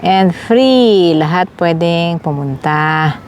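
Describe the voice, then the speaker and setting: Chatty Filipina vlogger in a park. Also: female voice, on the low side, expressive, takes it slowly, a little mellow, a little hiss or hum. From Philippines. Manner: chatty, addresses viewers as guys. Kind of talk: casual walking vlog. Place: outdoors in a park.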